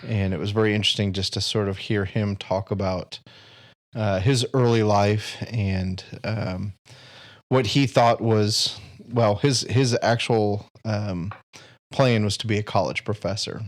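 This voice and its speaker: Low-voiced man, relaxed podcast co-host. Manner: relaxed, hesitant, many pauses and fillers. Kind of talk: casual chat.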